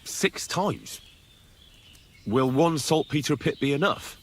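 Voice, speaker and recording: A man's voice: fairly high pitch, animated, slow pace, a little hiss or hum. An actor voicing a terse young male swordsman in video game dialogue, with blunt, dry replies.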